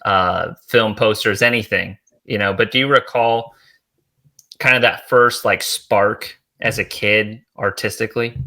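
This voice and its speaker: A man's voice: lowish voice, steady tone, unhurried, pushed and bright. A male podcast host running a casual interview, laid-back and chatty, with lots of easy fillers. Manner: laid-back, friendly filler-heavy talk.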